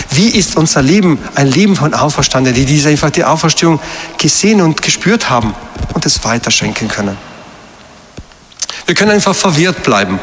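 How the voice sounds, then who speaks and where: A man's voice: fairly high pitch, a bit bright, long reverb tail, slight background noise. A man giving a sermon as a priest, emphatic and asking his listeners questions. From Meran, South Tyrol.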